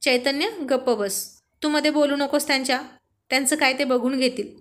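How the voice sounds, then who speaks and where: A woman's voice: sits high, steady tone, a little fast, fairly bright tone. A woman voicing a playful young man who teases his friends in a spoken story. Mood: teasing. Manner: playful, teasing.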